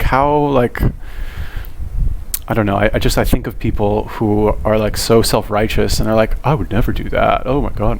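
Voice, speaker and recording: A man with a fairly low, creaky voice talks off the cuff like an online commentator. His delivery is halting and casual, peppered with swearing and filler words. There is faint noise in the recording. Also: poor audio. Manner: frequent swearing; halting, conversational, full of "like".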